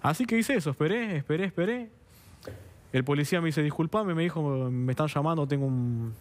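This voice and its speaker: A man's voice: fairly high pitch, fairly quick. A man from Argentina with a Buenos Aires accent, a guest on a TV studio interview, vehemently recounting events and acting out the dialogue. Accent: Buenos Aires Spanish. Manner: vehement, acts out quoted dialogue, keeps asking "understand?".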